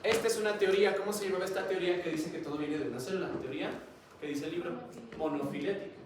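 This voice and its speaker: A man's voice: high-pitched, fast talker. A man giving a classroom lecture, chatty and always asking the students questions. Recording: echoey classroom, mic far off, noisy.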